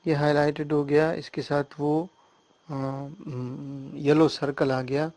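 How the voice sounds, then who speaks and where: A man talks through a software tutorial on his computer. His voice sits on the higher side and stays flat and even as he explains each step, often stopping to make sure the listener is following. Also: dry recording. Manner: hesitant fillers and restarts while working on screen. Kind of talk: screen-recorded software tutorial.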